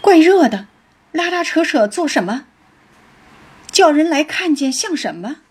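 A woman doing a sharp-tongued young maid. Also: sits high, lively intonation, normal speed, voice pushed up. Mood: pert. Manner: pert, brushing off.

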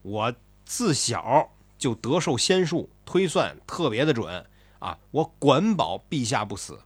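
A man's voice: mid-range voice, big pitch swings, unhurried, husky, no echo, full character voice. A man playing an earnest old chancellor. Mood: confident. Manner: earnest pleading. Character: loyal ancient male chancellor, earnest and insistent.

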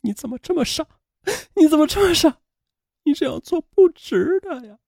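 A man's voice: very high voice, lively intonation, rapid-fire, vocal fry, mellow, dry recording, clean studio sound, voice pushed up, exaggerated voice. A man voicing a middle-aged wife who talks through tears. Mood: despairing. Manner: weeping, pleading.

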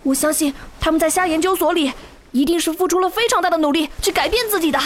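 A woman's voice: very high-pitched, fast, slight background noise. A woman voicing an earnest young voice-actor applicant who pleads politely and stammers in panic, in an audio drama with faint music. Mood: pleading. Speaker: applicant Zhang Yiming.

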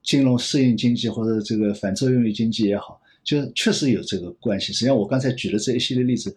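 一位男性银行业专家在访谈中回答问题，说话边想边讲，常重复词句。. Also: male voice, medium pitch, fast talker, darkish tone. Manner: rambling, repeats phrases while reasoning aloud. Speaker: banking expert guest. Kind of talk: thoughtful interview answers.

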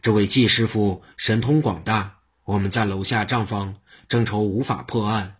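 A storyteller voicing a blunt county constable in a firm, official manner. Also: male voice, fairly low pitch, steady tone, moderate pace, slightly rough.

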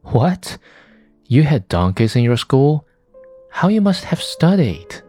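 A man's voice: mid-range voice, sing-song, slow pace, mellow, dry recording, faint music behind, pitched above the performer's own voice. A man voicing a practical old farmer who talks bluntly and plainly. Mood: mocking.

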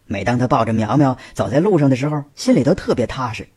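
A man narrating a family story, lively, raising his voice for the characters he quotes. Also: mid-range voice, fast talker, slightly rough. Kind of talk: scripted narration with acted dialogue.

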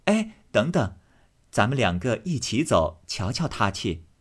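A man voicing a gentle, composed young lady in a storybook reading, soft and easygoing. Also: mid-range voice, very animated, unhurried.

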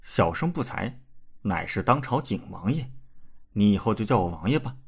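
A man voicing a sly, smug young prince who talks his way out of trouble in a glib, wheedling way, his voice husky and lively. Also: lowish voice, moderate pace, exaggerated voice.

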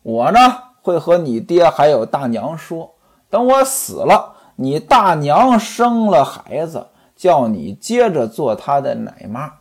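A frail, kindly young wife on her deathbed, put on by a male storyteller, her voice lifted high and wandering up and down. She speaks softly with drawn-out particles, husky around the edges. A traditional storytelling performance. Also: big pitch swings, full character voice. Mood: tender, resigned. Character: dying gentle young wife, kind to her servants.

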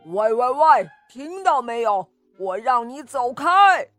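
Lady doing a loud bossy lion in a kids story, shouty, swinging pitch. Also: animated, unhurried, soft background music. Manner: commanding, shouting orders. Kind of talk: storybook reading.

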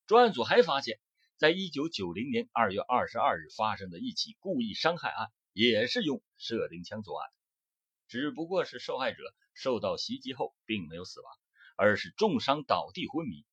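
A man reading a scripted true-crime account in a measured storytelling cadence that rises for emphasis. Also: medium pitch, very animated, a bit bright, slightly rough, no echo. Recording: dull close-miked dry audio.

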